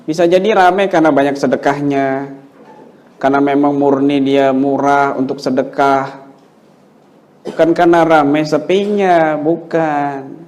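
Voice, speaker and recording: A man's voice: medium pitch, darkish tone. A man, an Islamic cleric answering questions in a casual lecture full of rhetorical questions. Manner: colloquial, rhetorical questions, emphatic repetition. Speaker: Islamic cleric teaching ruqyah. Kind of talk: religious Q&A lecture.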